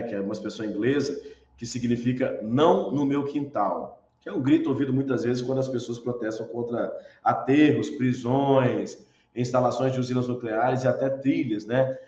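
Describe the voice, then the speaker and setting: Man, Brazilian accent, lecturer, mid-pitched voice, rhetorical questions, roomy echo. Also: darkish tone. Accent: Brazilian Portuguese. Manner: explanatory, poses rhetorical questions, frequent tag questions. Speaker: university lecturer. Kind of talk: recorded online lecture. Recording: echoey room, dull lo-fi sound.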